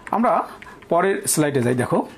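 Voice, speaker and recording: A man teaching a poetry lesson to students, reciting verses slowly and explaining them with frequent questions to the class. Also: fairly high pitch, very animated, a little hiss or hum.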